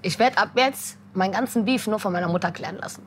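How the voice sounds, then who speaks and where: A young woman in casual chat, telling animated stories and acting out her mother's voice. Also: medium pitch, fast, slight background noise. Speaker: guest.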